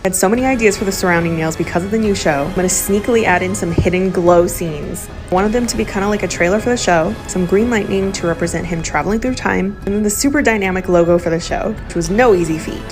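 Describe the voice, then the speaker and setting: A woman's voice: medium pitch, fast, hardly any pauses. Gushing woman doing a makeover reveal over music. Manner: gushing, excited showing off of own work. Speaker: nail artist. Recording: music under the voice.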